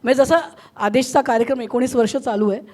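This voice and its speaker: A woman with a somewhat high voice speaks as an actress guest on stage. She recounts a meeting with fans in an earnest, appreciative way. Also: fairly even intonation, quick pace, a little mellow. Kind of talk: casual stage anecdote.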